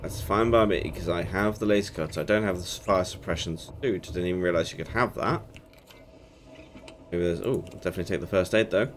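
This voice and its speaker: Playing through a game at home, a young British channel host gives casual, rambling commentary, correcting himself as he goes and sounding slightly stuffed up from a cold. His voice is low and a little fast. Game music runs underneath, with slight background noise.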